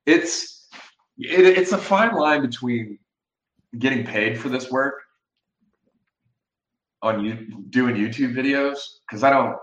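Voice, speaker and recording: A man talking as a guest over a video call, casual and halting, often restarting his sentences. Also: medium pitch, echoey room, dull audio. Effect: heard over a video call. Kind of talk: casual chat.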